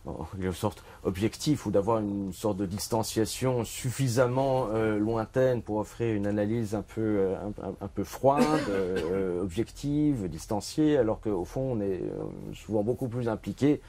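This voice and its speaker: A man's voice: fairly low pitch, animated, a little slow, few pauses, dark tone. A middle-aged man from Switzerland, an author presenting his book in a bookshop, talking with many fillers and restarts. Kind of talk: bookshop talk.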